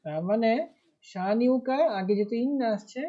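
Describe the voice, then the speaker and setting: A man's voice: very high voice, moderate pace, mellow. Patient man teaching grammar. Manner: patient, explanatory, stresses key words. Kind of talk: live online class lecture. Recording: muffled online class audio.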